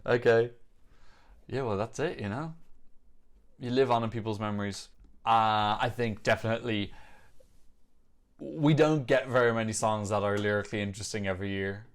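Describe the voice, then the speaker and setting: A music reaction show host gives casual, off-the-cuff commentary, chatty and opinionated as he thinks aloud over songs from the music videos he's reviewing. His voice is fairly low and steady, at a moderate pace with long pauses.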